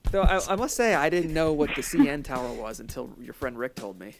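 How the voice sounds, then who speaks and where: A man from the United States co-hosting a casual podcast, his voice a touch higher than usual for a man. He delivers jokes deadpan and mock-apologetic, with faint music in the background. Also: fairly quick. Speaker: podcast co-host.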